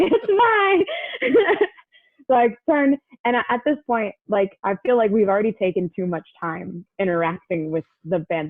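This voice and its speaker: Chatting as a guest, a young woman recounts something that happened to her, filling her talk with "like" and performing what people said. The sound is thin and phone-like, dry and echo-free, and her voice is fairly low.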